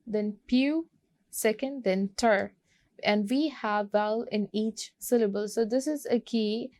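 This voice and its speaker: A woman's voice: on the high side, mellow, dry recording. A woman teacher explaining an English vocabulary lesson, switching between Hindi and English and going through the words one by one. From Pakistan. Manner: slow, explains word by word.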